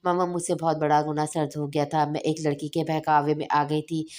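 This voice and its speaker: A woman's voice: sits low, flat delivery, a little fast, darkish tone, natural voice. A woman reading aloud, voicing a distraught young woman who pleads through tears while confessing a guilty secret. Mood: pleading, tearful. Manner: pleading, sobbing speech.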